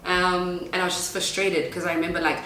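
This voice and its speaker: Bright-voiced South African woman hosting. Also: fairly low pitch, a little fast, a little hiss or hum. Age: 20s. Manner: chatty, lively, laughs often. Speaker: host. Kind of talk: casual chat. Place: apartment living room, on a couch. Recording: echoey room.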